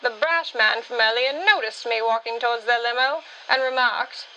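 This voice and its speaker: Woman, high voice, bright tone, witty, radio drama narration, faint noise. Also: moderate pace, muffled recording. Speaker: storyteller.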